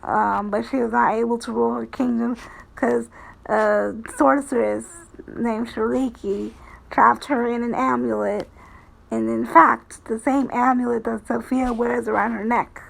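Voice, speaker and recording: A woman giving casual, rambling commentary as a streamer, in a halting, hesitant way with phrases that trail off. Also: on the high side, fairly even intonation, gravelly, poor audio. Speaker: VTuber streamer.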